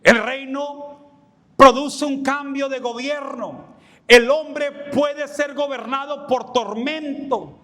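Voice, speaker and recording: A pastor preaching a passionate sermon, acting out the voices of people he quotes and rising at times to a shout. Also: extremely high pitch, fairly even intonation, slow.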